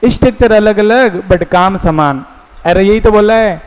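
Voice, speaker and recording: Male lecturer, coaxing call-and-response style, smooth voice, long room reverb. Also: high-pitched, measured pace. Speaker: teacher. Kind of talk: classroom lecture. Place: classroom. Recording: echoey classroom hall.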